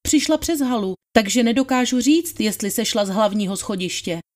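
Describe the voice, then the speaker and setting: Her slightly mellow, animated voice sits on the high side and sounds natural. She's reading a dramatized trial scene as a deferential young housemaid, offering plain and polite testimony.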